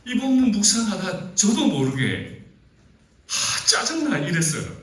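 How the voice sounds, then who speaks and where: A middle-aged pastor with a mid-range voice preaches a sermon at a youth retreat, telling stories with feeling and breaking into exasperated outbursts. He's recorded from far off in a large, echoey church hall, with a little hiss or hum.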